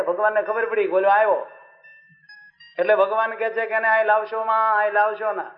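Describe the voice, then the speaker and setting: A high-pitched man delivers a devotional story sermon, speaking animatedly and questioning his listeners. The recording sounds slightly dull, with faint music underneath. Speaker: preacher.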